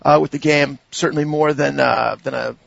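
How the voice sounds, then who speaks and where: A man hosts a laid-back gaming podcast in a fairly high, gravelly voice, often stopping and restarting his thoughts. The sound is dry and slightly dull. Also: fairly even intonation, normal speed, fairly bright tone, no echo. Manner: hesitant, many restarts and fillers. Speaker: podcast host. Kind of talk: casual gaming podcast chat.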